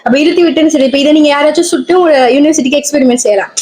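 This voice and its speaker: A woman's voice: high voice, rapid-fire, background noise. A woman telling a story in casual chat as a podcast co-host, laughing often.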